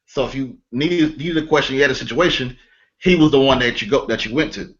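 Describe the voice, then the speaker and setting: A man's voice: mid-range voice, fairly quick, a bit bright. Man thinking aloud in panel chat. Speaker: podcast co-host. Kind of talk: casual panel discussion. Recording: dull, lo-fi audio.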